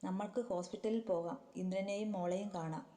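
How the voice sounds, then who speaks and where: A woman voicing a calm, caring middle-aged housemaid who comforts others, with a long reverb on the recording. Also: mid-range voice, fairly quick, close to an everyday voice. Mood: soothing. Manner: soothing.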